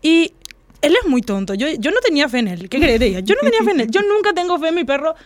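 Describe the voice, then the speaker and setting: A young woman with a Paraguayan Spanish accent, teasing and telling animated stories in casual chat as a host. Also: high voice, racing, no room sound.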